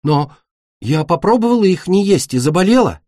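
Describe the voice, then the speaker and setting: A man's voice: sits high, big pitch swings, moderate pace, darkish tone, dry recording, studio quality, voice pushed up. A man voicing an eager, anxious young female dragon in a storybook reading, raised and urgent. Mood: pleading. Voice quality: pleading, urgent.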